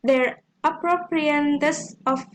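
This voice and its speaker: Young woman, high voice, reading her class slides out slowly and carefully. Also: slight background noise. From Indonesia. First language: Indonesian. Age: young adult. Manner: careful, halting reading with slips. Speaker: student presenter.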